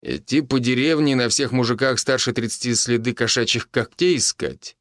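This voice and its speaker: Man voicing police major, shrewd, teasing, dry matter-of-fact tone, mid-pitched, dry close recording. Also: moderate pace, no room sound, natural voice. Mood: wry.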